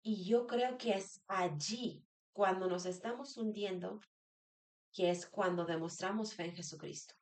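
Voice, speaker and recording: A woman's voice: medium pitch, measured pace. A woman sharing a personal devotional talk as a church member, earnest, repeating phrases and asking rhetorical questions.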